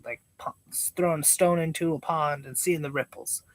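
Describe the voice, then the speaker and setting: A man's voice: on the high side, fairly even intonation, moderate pace, dry recording. A man with a laid-back, meandering stoner drawl, chatting casually and rambling like a live streamer. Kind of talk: casual rambling livestream chat.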